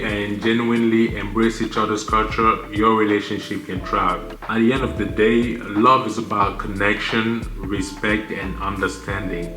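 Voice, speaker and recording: A man in his thirties from Cameroon, giving measured list-style advice to his channel audience with the odd filler. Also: on the low side, pushed and bright. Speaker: channel host. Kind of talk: scripted commentary to camera. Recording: roomy echo with music bed.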